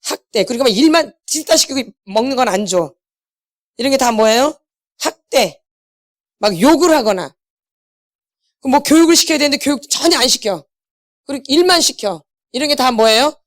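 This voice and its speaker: In a church hall, a middle-aged woman who is a pastor's wife delivers a healing lecture at normal speed in a high, expressive voice with long pauses. The recording is dry and studio quality, and she questions her audience and echoes key words back to them.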